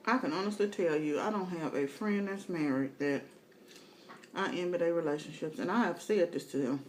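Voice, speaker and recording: Casual female mukbang vlogger, lowish voice, candid storyteller talking between bites, faint dish clatter in the recording. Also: normal speed, a little hiss or hum. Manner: eating as she talks. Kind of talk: casual chat while eating.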